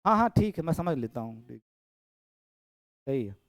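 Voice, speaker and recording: एक पुरुष गणित शिक्षक कक्षा में पढ़ा रहे हैं, बातें दोहराते हुए और छात्रों की कॉपियाँ जाँचते हुए।. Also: male voice, medium pitch, very animated, normal speed, no echo. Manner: chatty, repeats phrases, checks students' work aloud. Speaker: maths teacher. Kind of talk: classroom lecture. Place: classroom. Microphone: camera in room.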